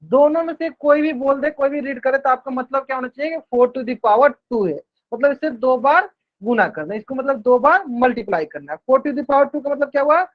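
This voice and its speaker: A man with a very high, expressive voice teaches a live online math class, repeating each question to the students and answering it himself. He drags out English math terms slowly, and the stream audio is dull and lo-fi.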